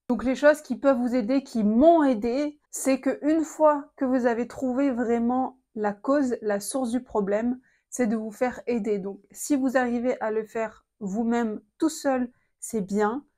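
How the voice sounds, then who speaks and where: A young woman speaks to camera in a casual, confiding way, earnestly and reflectively sharing personal advice with many hesitation fillers. Her voice is a little high and mellow, with fairly even intonation and a slightly slow pace.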